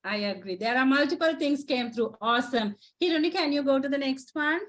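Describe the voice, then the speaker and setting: Speaking a little fast in a high, fairly bright voice, this psychotherapist presenter gives students an encouraging lecture. She's from Sri Lanka, a Sinhala native speaker with a Sri Lankan accent, and she keeps tagging her points with "right?"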